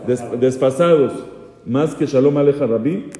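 Dark-voiced rabbi in an echoey hall. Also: male voice, mid-range voice, unhurried. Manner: poses rhetorical questions, teasing asides. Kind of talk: Torah law lesson. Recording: echoey hall with long reverb.

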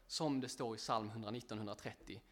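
A man's voice: on the low side, steady tone, fairly bright tone. A man preaching a casual sermon, chatting directly with listeners, often laughing and poking fun at himself.

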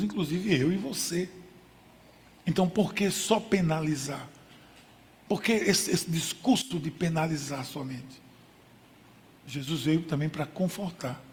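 A man's voice: fairly high pitch, a little mellow. A man preaching a sermon with emphasis, using contrasts and rhetorical questions. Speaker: pastor. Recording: long hall reverb.

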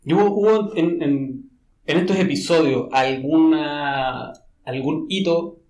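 A man's voice: a little high, slow, a little mellow, reverberant. A man, co-hosting a casual chat and searching for words as he asks questions. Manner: brief interjections, searching for words. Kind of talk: casual podcast conversation.

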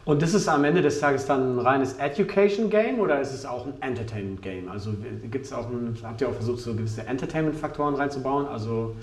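A man's voice: mid-range voice, a little fast, hardly any pauses, roomy sound, far from the mic. A man hosting a casual interview, asking long winding questions with many restarts. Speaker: podcast host.

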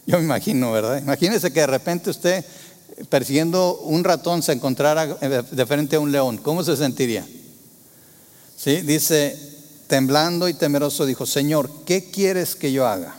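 A man preaching a sermon, asking the congregation rhetorical questions and moving between loud emphasis and hushed tones. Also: fairly high pitch, normal speed, big-room sound.

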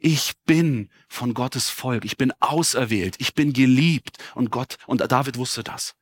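A male pastor preaching to a congregation, swinging between soft storytelling and loud, emphatic appeals, with touches of humor. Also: medium pitch, measured pace, husky, no room sound. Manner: humorous, interrupts himself. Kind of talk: sermon. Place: church before a congregation.

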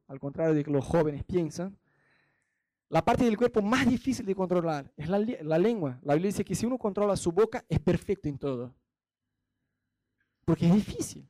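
Preaching with a chatty directness, this man from Brazil addresses his listeners and acts out short anecdotes using quoted voices. He has a high, mellow voice, captured in a dry recording.

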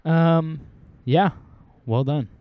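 A man's voice: fairly high pitch, very slow, smooth, dry recording, highs cut off. A man co-hosting a casual podcast, joking and laughing often as he talks to a desk microphone. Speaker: podcast co-host. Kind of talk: casual chat.

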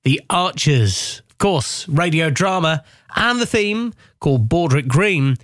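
A man's voice: a little high, expressive, unhurried, a bit bright, no echo, studio quality. A man hosting a radio show in a casual, conversational way. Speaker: radio host.

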